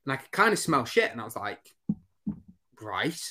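A man's voice: mid-range voice, sing-song, fast talker, pushed and bright. A man co-hosting a casual podcast, telling rambling stories with fillers and a bit of swearing. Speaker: podcast co-host. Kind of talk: casual chat.

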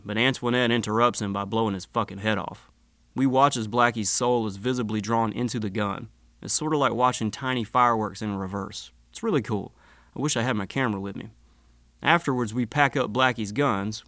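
A man's voice: on the low side, a bit bright, dry recording. A man narrating a first-person story in a laid-back, wry and profane way.

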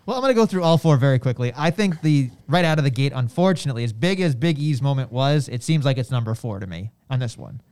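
A man's voice: medium pitch, animated, fast talker, few pauses, darkish tone, clean tone. A man co-hosting a podcast in a casual, conversational way, repeating phrases as he reasons things out. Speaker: podcast co-host. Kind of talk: casual discussion of wrestling.

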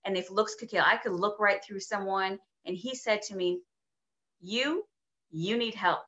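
A woman guest telling her life story in an interview, moving between hushed and emphatic moments. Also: medium pitch, fairly even intonation, normal speed, lo-fi sound. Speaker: guest sharing testimony. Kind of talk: personal testimony interview.

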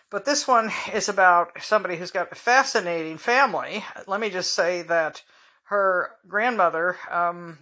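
Female podcast host, solo, bright forceful tone, frank and rambling. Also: on the low side. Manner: rambling, frank, chatty asides. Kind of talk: casual monologue.

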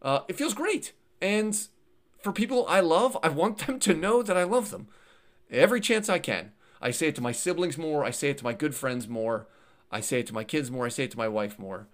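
Animated, earnest man telling a story. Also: fairly high pitch, a little fast. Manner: earnest, animated storytelling with frequent restarts and repeated words; laughs lightly while talking. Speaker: podcast guest. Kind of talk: casual conversational interview.

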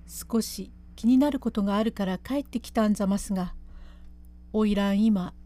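A woman voicing an anxious woman attendant in an old pleasure house, urgently coaxing a courtesan to calm down in quarter speech. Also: medium pitch, moderate pace, natural voice. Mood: pleading, alarmed.

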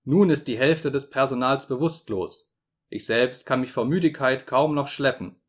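A man's voice: medium pitch, moderate pace, natural voice. A man voicing a panicked male newspaper editor pleading for help over the telephone, frantic and desperate. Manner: frantic, pleading, fading to a whisper.

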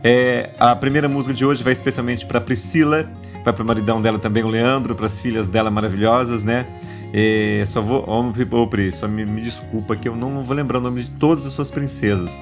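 Over music, a man with a Brazilian Portuguese accent hosts a relaxed religious podcast in a mid-range, fairly quick voice with fairly even intonation. A cold leaves him sounding nasal, and he's chatty, full of warm asides and frequent tag questions.

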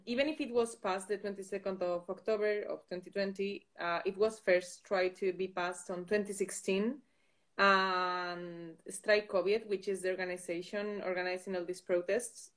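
A young woman from the Basque Country speaks as an interview guest, with a Basque accent. She is a non-native speaker who pauses and feels her way through explanations. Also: mid-range voice. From Basque Country, Spain. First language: not English. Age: 20s. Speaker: guest, student and think-tank intern. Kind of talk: live-stream interview answers.

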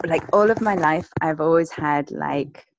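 An actress chatting casually as a guest, rambling with many fillers and restarts. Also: female voice, sits low, measured pace, creaky, lo-fi sound, slight background noise. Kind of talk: casual conversation.

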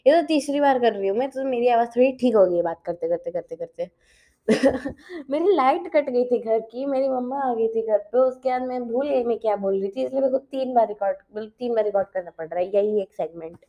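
Recorded at home with dull audio, this teen podcast host chats casually, often laughing and dropping English phrases into her talk. Her voice is on the high side, brisk, with lively intonation.

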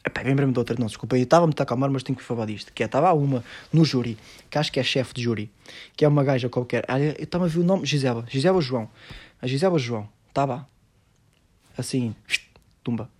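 A man's voice: mid-range voice, fast talker, darkish tone. A man with a European Portuguese accent hosting a solo podcast, ranting sarcastically and profanely about a TV show. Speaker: podcast host.

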